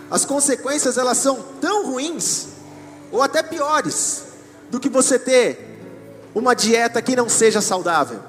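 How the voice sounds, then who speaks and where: A man's voice: very high-pitched, fairly bright tone. A man with a Brazilian Portuguese accent preaching a sermon as pastor, chatty and joking, with asides to the congregation. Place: church hall. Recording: echoey church hall with music. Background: music.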